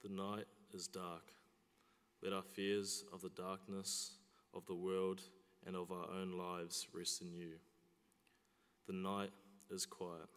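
A low, steady young male voice leads the prayers, keeping an almost unchanging tone. He speaks at a lectern in a large chapel, and a long reverb lingers behind each phrase. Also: slow, clear, resonant tone. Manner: steady, even recitation. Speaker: student leading prayer. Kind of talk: reciting liturgical prayers. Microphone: lectern mic.

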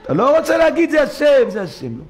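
A man's voice: very high voice, wildly swooping pitch, faint music behind. A male rabbi giving a sermon in a synagogue, dramatic, acting out complainers through rhetorical questions. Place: synagogue study hall.

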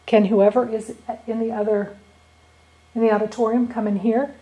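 Mellow-voiced woman questioning spirits. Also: fairly high pitch, flat delivery, moderate pace, dull audio. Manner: polite, short simple questions. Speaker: paranormal investigator asking questions. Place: indoor classroom at night.

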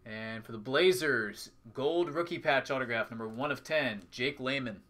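A man's voice: mid-range voice, normal speed, fairly bright tone. A man hosting a live trading card break, calling out items in short, clipped announcing phrases. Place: indoors at a tabletop with a display backdrop.

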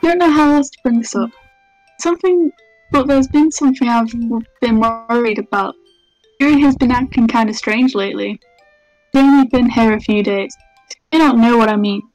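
A woman's voice: on the high side, moderate pace, a little mellow, no room sound, soft background music, natural voice, rough recording. A woman voicing an anxious, pouty teenage schoolgirl from a visual novel, earnest and pleading. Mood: worried, pleading. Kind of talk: visual novel character dubbing.

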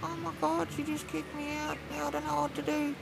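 A man voicing a meek, hard-up Australian bloke in a silly comic redub, halting, mumbling and apologetic. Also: very high voice, monotone, gravelly, very noisy, exaggerated voice. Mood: pitiful, whiny. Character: whiny, meek, hard-up bloke pleading on the street. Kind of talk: silly mismatched comic redub of distant people.

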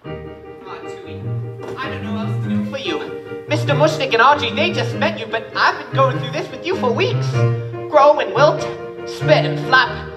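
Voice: medium pitch, close to an everyday voice. A stage performer playing a timid, earnest, nerdy young male flower shop clerk with a hesitant, apologetic way of talking, heard from across a theatre. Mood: pleading. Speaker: stage actor. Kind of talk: stage musical theatre dialogue. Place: school stage, recorded from the audience. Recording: distant echoey theatre recording, music behind.

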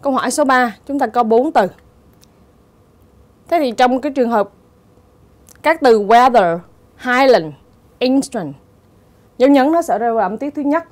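A woman's voice: high voice, normal speed, pauses often, darkish tone. A woman teacher going through English exam answers step by step, in a methodical way. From Vietnam. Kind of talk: exam answer walkthrough lesson.

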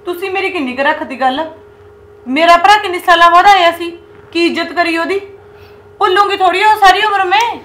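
Defiant young daughter-in-law, played by a woman, Punjabi accent, quick and very high-pitched. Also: pushed and bright. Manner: defiant, retorting.

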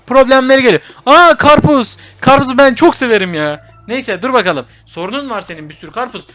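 A man's voice: very high-pitched, animated, fast talker, fairly bright tone, no room sound, faint music behind. A young man commenting playfully on a VR game, teasing the characters he plays with and chatting to his viewers. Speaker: gaming YouTuber.

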